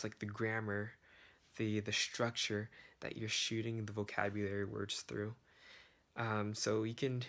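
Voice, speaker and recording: Man, lowish voice, even and level delivery, casual tutoring, loose conversational wording. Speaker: language-learning tutor. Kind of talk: casual instructional talk to camera.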